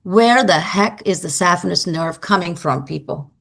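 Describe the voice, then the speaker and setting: A woman giving a live anatomy lecture, brisk and emphatic, quizzing her students as she goes. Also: lowish voice, gravelly, fairly bright tone.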